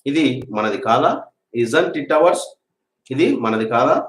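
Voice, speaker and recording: A man's voice: mid-range voice, expressive. Patient male English teacher. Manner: patient, repeats example sentences slowly for drilling. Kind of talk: classroom-style grammar lesson. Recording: echoey room.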